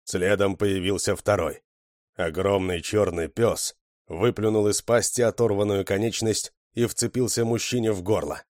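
A man narrating a story in steady, scripted audiobook style. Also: on the low side, moderate pace, no echo, clean studio sound.

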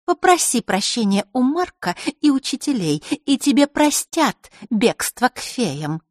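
A sweetly scheming teenage girl, played by a woman narrator taunts in a high, sing-song voice that swoops all over. The audiobook recording is dry and close. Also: very animated, a little slow, dry recording. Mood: mocking. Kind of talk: audiobook character reading.

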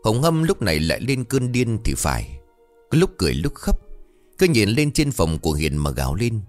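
A man narrating a scripted horror story in an expressive, dramatic way. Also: fairly low pitch, moderate pace, soft background music.

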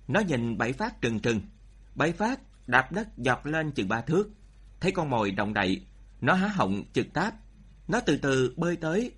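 A man narrating a story in an expressive way, speeding up and slowing down for drama. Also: mid-range voice, husky. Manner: expressive, shifting pace for drama.

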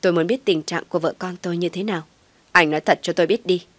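A woman's voice: on the low side, steady tone, fast, no room sound, natural voice. A woman voicing an anxious young husband who speaks in an urgent, pressing way. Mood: angry.

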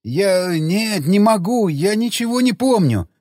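Brief: male narrator as cowering hungover soldier, stuttering and whimpering, higher voice, dry mic. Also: lively intonation, unhurried, darkish tone, dry recording. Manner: stammering, whimpering, meek. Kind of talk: audiobook character reading.

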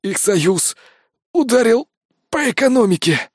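A man's voice: very high-pitched, big pitch swings, unhurried, dry recording, clean studio sound, voice pushed up, exaggerated voice. A man doing a groaning dying mercenary. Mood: strained. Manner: groaning, pained. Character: dying male mercenary, strained and bitter.

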